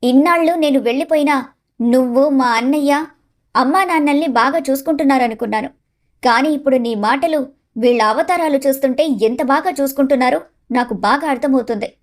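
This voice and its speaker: A woman's voice: high-pitched, darkish tone. A woman voicing a hurt young married daughter in a storybook tale, defending her parents through tears. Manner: tearful, indignant.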